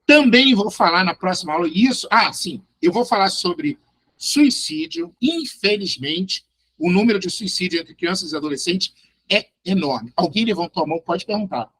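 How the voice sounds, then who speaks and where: A man's voice: sits high, lively intonation, moderate pace, a bit bright, slightly rough. A man with a Brazilian Portuguese accent, a psychologist giving a live online lecture, emphatic and addressing his listeners directly. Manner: emphatic, addresses listeners directly, tags sentences with a questioning "right?". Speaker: psychologist teaching a class.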